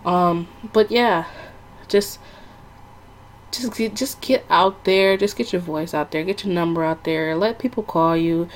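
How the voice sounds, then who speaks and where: A woman vlogger with a lowish voice chats casually to camera at an unhurried pace, giving sales tips. Her talk is chatty and rambling, full of fillers and restarts. A little hiss or hum sits under the recording.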